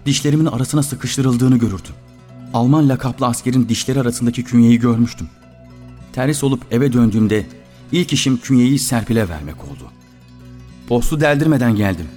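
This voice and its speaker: A man with a mid-range voice narrates a literary story in the first person, somber and reflective, backed by soft guitar music.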